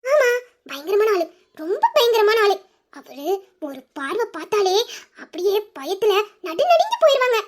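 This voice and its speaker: A woman playing a playful, mischievous young wife in an audio drama, chatty and boastful, sometimes dropping to a hushed scheming tone. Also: very high-pitched, big pitch swings, normal speed. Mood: ominous. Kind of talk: Tamil audio drama acting.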